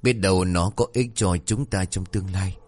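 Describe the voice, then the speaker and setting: A man voicing a sharp-tongued, bossy stepmother who scolds and lectures her daughter in a folk tale. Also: low voice, moderate pace. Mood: scolding.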